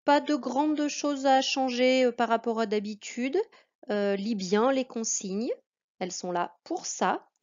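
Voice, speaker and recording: A woman with a French accent teaching a reading lesson to a child, speaking slowly and carefully. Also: on the high side, a little mellow. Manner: slow, careful, addressing a child. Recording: dull lo-fi recording.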